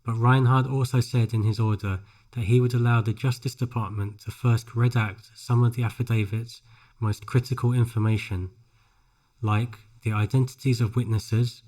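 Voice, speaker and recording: A man reads scripted narration for a pronunciation drill, phrase by phrase, with careful, measured enunciation. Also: medium pitch, fairly even intonation, darkish tone. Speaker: English shadowing practice narrator.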